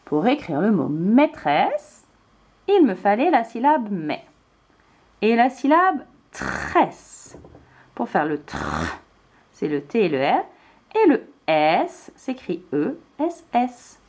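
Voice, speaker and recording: Slow, lively-voiced woman teaching spelling. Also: mid-range voice. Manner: slow, clearly spelled out letter by letter. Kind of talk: spelling lesson for young children.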